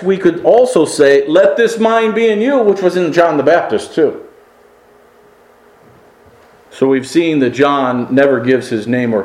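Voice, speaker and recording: A man preaching a sermon, building to emphatic peaks and dropping to quiet asides. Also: mid-range voice, roomy sound, poor audio. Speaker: pastor.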